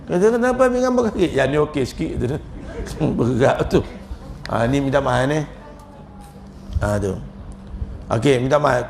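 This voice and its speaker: A man's voice: on the high side, gravelly, a little hiss or hum. A man with a Malaysian Malay accent giving a humorous religious lecture as a religious teacher, joking and chuckling often as he tells his stories.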